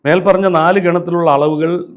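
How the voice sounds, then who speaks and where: A man, a priest, giving a measured lecture on liturgical music with a Malayali accent, slowly chanting verse lines and counting their syllables. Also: a little high, fairly even intonation.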